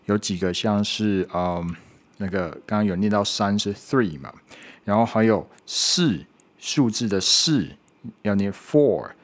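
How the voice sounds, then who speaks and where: Speaking in a somewhat low voice with lively intonation, a man teaches English pronunciation. He's patient, sounding out each item slowly several times over, and frequently checks in with a brief "OK".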